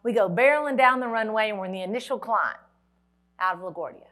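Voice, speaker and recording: A woman's voice: mid-range voice, quick pace, a bit bright. A woman, giving a motivational keynote at a conference and telling a dramatic story with wry humor. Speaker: motivational speaker. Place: conference hall.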